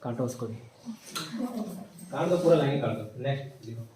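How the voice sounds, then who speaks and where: A man teaching a maths class, slowly dictating theorems and repeating each phrase for students to write down. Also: mid-range voice, big pitch swings, dark tone, slight background noise. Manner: slow repeated dictation, mixing Hindi with English terms. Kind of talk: classroom lecture, dictating notes. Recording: echoey room, voice from a distance.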